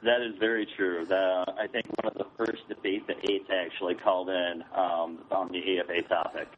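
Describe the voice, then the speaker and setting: A man chatting casually as a podcast guest in a relaxed, modest way. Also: low-pitched, brisk. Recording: tinny phone line with faint noise.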